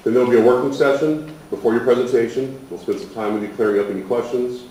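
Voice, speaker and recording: An American instructor with a mid-range, mellow voice talks fast and steadily while opening a programme with an informal, plain-spoken, self-deprecating presentation. The room is echoey and the mic sits at a distance, leaving faint noise in the recording.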